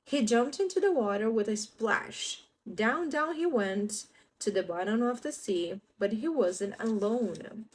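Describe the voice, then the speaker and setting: A woman's voice: fairly high pitch, animated, unhurried, poor audio. A young woman reading a children's story aloud, chatty and gushing between pages. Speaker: storybook reader.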